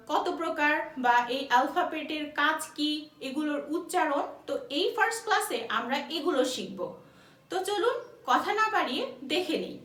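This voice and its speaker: A woman's voice: sits high, a bit bright. A woman teaching a beginners' language class, patiently repeating each letter for her students to copy. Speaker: English teacher. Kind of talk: spoken language lesson. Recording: roomy sound, mic at a distance.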